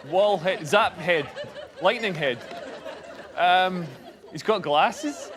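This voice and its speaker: A man playing team captain on a comedy panel show, telling rambling, excitable jokes and guesses. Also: high-pitched, slow pace, a crowd in the background. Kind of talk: improvised comedy banter.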